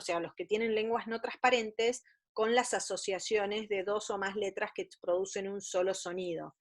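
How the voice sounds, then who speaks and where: A woman's voice: mid-range voice, fairly bright tone. A woman psychopedagogue giving an explanatory lecture to parents, patiently listing items one by one and now and then stumbling and correcting herself. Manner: patient, methodical, lists items step by step.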